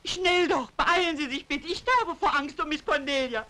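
A woman's voice: high voice, normal speed, sharp tone, slight background noise. A woman playing an anxious, bossy and loyal housekeeper in a dubbed vintage thriller, urgent and dramatic.

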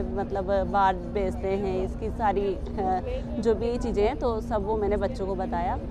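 A woman in her thirties, a weaver from a weaving village near Kota, explaining her craft earnestly with pauses and fillers at a craft fair stall, recorded by a camera a few metres away. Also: mid-range voice. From Kaithoon, Rajasthan, India. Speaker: Kota Doria weaver and artisan. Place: indoor craft fair stall with saris on display.

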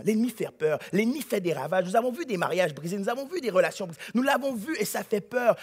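A man delivers a sermon, his voice pitched high with a husky edge. He moves from hushed, near-whispered lines to loud, shouted passages, in the manner of dramatic church preaching. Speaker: pastor.

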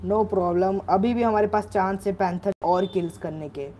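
Male gaming host, high voice, excitable live commentary, yells at teammates, faint background noise. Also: unhurried. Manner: excitable, shouts orders at teammates. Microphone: own microphone.

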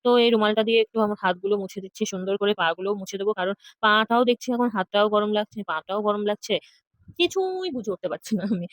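A woman's voice: mid-range voice, expressive, fast talker, dry recording. A young woman, a mother, chatting casually to her viewers in a home vlog. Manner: chatty, talks straight to viewers. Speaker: mother vlogger. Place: rented home, indoors.

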